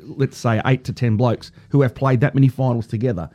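Australian man, medium pitch, dark mellow tone, casual football commentary, sports panellist. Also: fairly even intonation, fairly quick.

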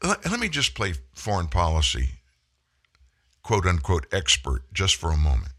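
A man's voice: low-pitched, huge pitch swings, moderate pace, fairly bright tone. A man hosting a political commentary monologue, folksy and sarcastic. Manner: folksy and sarcastic, mocking voices when quoting. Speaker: commentary host.

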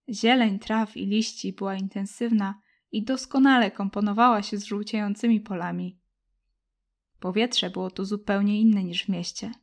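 A woman reading a children's story aloud with gentle, expressive narration. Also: mid-range voice. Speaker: audiobook narrator.

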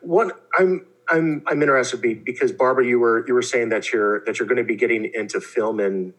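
A man interviewing two students, halting and repeating words as he forms questions. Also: medium pitch, a bit bright, rough recording.

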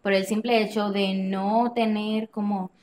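An animated woman speaking as a podcast guest, recounting a personal experience in a relaxed, conversational way. She tends to act out the lines she quotes, and she often restarts her sentences mid-thought. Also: medium pitch, measured pace, a little hiss or hum. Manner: animated, acts out quoted dialogue, frequent restarts and laughs. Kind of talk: personal storytelling in casual conversation.

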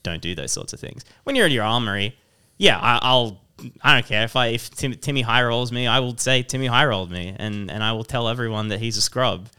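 Bright, crisp-voiced guy, fairly low, rambling and laughing at himself in casual podcast chat. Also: brisk, hardly any pauses. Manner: rambling, self-mocking, laughs a lot. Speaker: podcast co-host.

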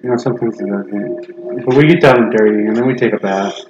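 A man's voice: lowish voice, brisk, a little mellow, reverberant, dull audio. A man playing a tabletop game who jokes around in a playful, easy way. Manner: joking and playful. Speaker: player.

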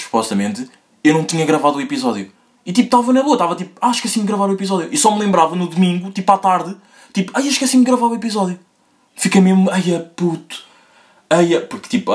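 A young man hosting a solo podcast in a rambling, slangy, casual way, his pitch jumping up when he gets excited. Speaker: podcast host.

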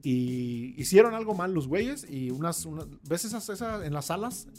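Mexican dude cohosting a podcast, slangy and crude, kinda higher voice. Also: male voice, animated, moderate pace, darkish tone, soft background music. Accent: Mexican Spanish. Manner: loose, profane storytelling. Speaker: podcast co-host. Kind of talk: casual chat.

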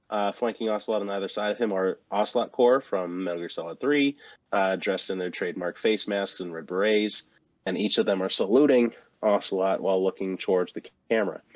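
A man co-hosting a casual chat, walking through a game character's moves in a relaxed, rambling way with many ums and restarts. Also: deep voice, dry recording, dull audio. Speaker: co-host presenting a game moveset. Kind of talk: casual chat about video games.

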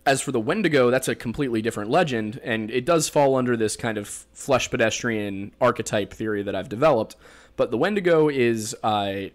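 Lower-voiced man with a Pennsylvania accent. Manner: rambling, joking, explaining folklore with many fillers. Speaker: podcast host. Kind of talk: casual podcast chat.

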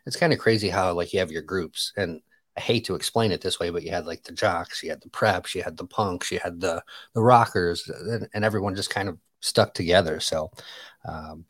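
A man in his thirties from Michigan hosting a casual chat, talking in a relaxed, halting way with many fillers. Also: sits low, no echo. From Michigan, USA. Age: 30s. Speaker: podcast host.

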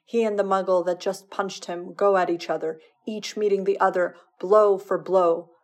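A woman narrating a fan fiction audiobook with a dramatic, expressive reading of the action. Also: mid-range voice, normal speed. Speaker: podfic reader.

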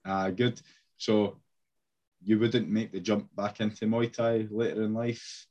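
A man's voice: lowish voice, little pitch movement, measured pace, a little mellow. Male host asking casual questions. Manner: chatty, encouraging short replies. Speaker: interview host.

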